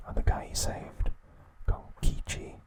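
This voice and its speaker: The host of an ASMR channel, a man, whispers a recap softly and deliberately in short phrases. His voice is breathy and unvoiced, in typical ASMR style.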